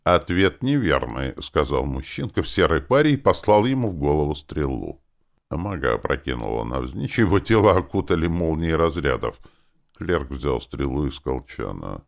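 A man narrating a fantasy audiobook in the first person, with an expressive, crude and sardonic delivery. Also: rumbling low, moderate pace, vocal fry.

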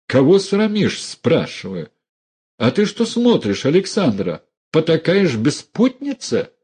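A man's voice: fairly high pitch, wildly swooping pitch, measured pace, darkish tone, husky, voice pushed up, heavily acted. A man voicing a blustering balding old uncle who sputters with rage and shrieks threats. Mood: outraged, sputtering.

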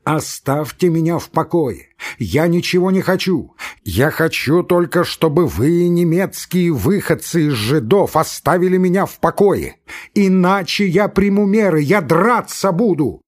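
Man voicing hysterical young nobleman, raised strained voice, breathless shouting, husky, storybook reading. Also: animated, takes it slowly. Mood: furious. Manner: shrill, shouting, breathless outbursts.

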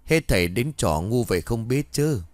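This is a sharp-tongued young woman in a spoken ghost story who keeps scolding the two men around her. The pitch moves a lot and the sound is dry and close, with a man reading her lines in his own voice. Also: lively intonation, moderate pace, dry recording, natural voice.

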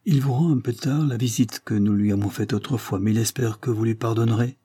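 A man's voice: fairly quick, warm tone, husky, no room sound, studio quality, lightly acted. A man reading an audiobook and voicing a bold, tender young noblewoman, with earnest, assured speech. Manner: earnest, assured, voice raised higher for her.

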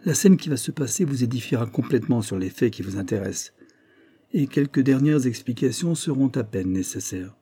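A man's voice: mid-range voice, lively intonation, a little fast, warm tone, husky. A man voicing an emphatic male investigator who lays out the truth of a crime, his voice raised and pressing. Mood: calm resolve. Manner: emphatic, probing, raised and tense. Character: sharp, insistent male investigator unveiling a crime.

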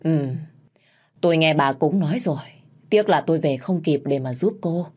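Old female shaman, stern, instructive, low pitch, mellow tone, voiced by a woman. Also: moderate pace, husky. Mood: weary. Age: older.

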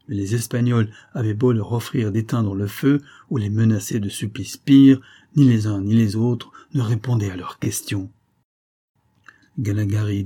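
A man narrating an adventure novel in a measured, dramatic reading. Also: lowish voice, mellow, husky. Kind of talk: scripted audiobook narration.

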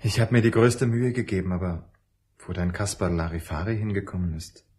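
A kindly son-in-law played by a man speaks in a fairly low voice. He is gentle and encouraging, in the natural style of a radio drama. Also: brisk, lightly acted.

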